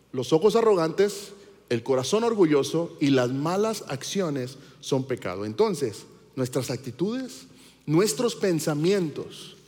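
A man's voice: a little high, darkish tone. A man preaching a conversational sermon, asking his congregation questions. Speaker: pastor. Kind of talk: sermon with stories and audience questions. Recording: long hall reverb.

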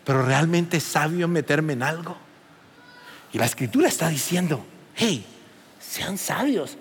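A man preaching a sermon as pastor, animated and rising to near shouts. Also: fairly high pitch, moderate pace, in a large hall, slight background noise.

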